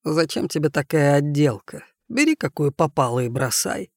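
A man playing a gruff, loyal wolf in a storybook reading, slow and measured, with a dry close sound. He speaks bluntly and sternly. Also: fairly high pitch, sing-song, a little mellow, dry recording.

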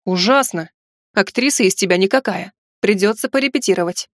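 A woman's voice: medium pitch, fairly quick, dry recording, natural voice. A woman voicing a sardonic, teasing grown man in an audiobook, with a dry, mocking, bossy manner. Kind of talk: audiobook character voice.

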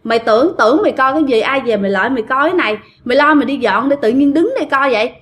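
A woman voicing a sharp-tongued, scolding woman from a traveling fair troupe, with a Southern Vietnamese accent. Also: fairly high pitch, expressive, brisk, close to an everyday voice. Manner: curt, scolding. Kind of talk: retold quote in storytelling.

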